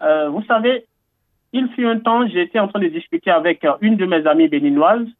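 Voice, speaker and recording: Brisk and high-pitched, a man from Benin gives an earnest, enthusiastic radio interview marked by frequent fillers, hesitations and repetitions. The recording is dry and tinny, like a phone line.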